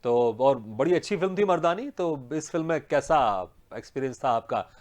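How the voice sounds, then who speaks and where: A man's voice: medium pitch, animated, normal speed, a little mellow. Rambling male TV interviewer. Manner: long, rambling questions with repeated words; laughs often, encouraging. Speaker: host, interviewer.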